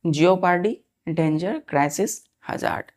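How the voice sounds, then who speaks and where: A woman teaching a vocabulary lesson, spelling words out letter by letter and often asking the students if it is clear. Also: lowish voice, unhurried, darkish tone.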